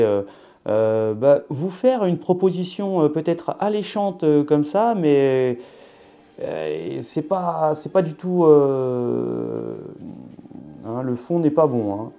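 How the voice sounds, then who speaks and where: Southern French man, mellow voice, halting card reading over faint music. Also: mid-range voice. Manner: hesitant, many fillers and restarts. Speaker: astrology card reader. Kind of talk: casual tarot reading to camera.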